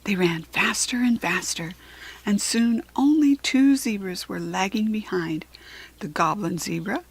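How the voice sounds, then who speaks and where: In a breathy, medium-pitched voice and at a slightly slow pace, a woman with an American accent reads a children's storybook with expressive narration.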